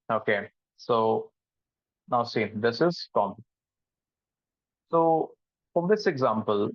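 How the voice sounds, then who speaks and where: A man's voice: medium pitch, no echo. A man leads a live online programming lesson, explaining step by step and often checking whether the class has followed. He drifts between English and Hindi. The sound is dry and a little muffled, like a call recording. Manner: mixes English and Hindi, asks the class questions. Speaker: programming instructor.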